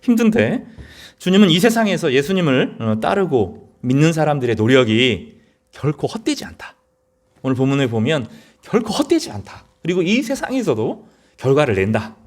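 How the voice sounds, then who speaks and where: Earnest, animated male pastor preaching. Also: fairly high pitch, normal speed. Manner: earnest, conversational preaching with rising emphatic peaks. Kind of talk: sermon.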